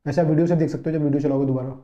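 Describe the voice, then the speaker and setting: Male physics tutor, high-ish voice, dark tone, chatty and coaxing, repeats points; roomy, muffled recording. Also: fairly even intonation, rapid-fire. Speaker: physics teacher. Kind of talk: online class lecture. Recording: dull, roomy online-class audio.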